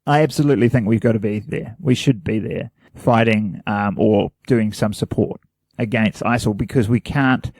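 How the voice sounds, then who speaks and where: A man's voice: fairly low pitch, normal speed, a little mellow, dry recording. A man from New Zealand co-hosting a podcast, chatting in an earnest, rambling, self-deprecating way. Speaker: podcast co-host. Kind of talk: casual chat.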